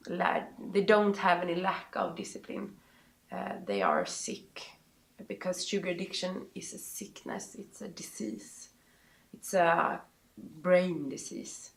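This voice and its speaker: A woman from Sweden speaks English with a Swedish accent in a low-pitched, creaky voice. She answers interview questions haltingly, pausing to find her words. The room echoes around her. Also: animated. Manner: halting, searching for words with many pauses. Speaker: interview guest. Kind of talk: interview answers, personal advice. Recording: roomy, echoing sound.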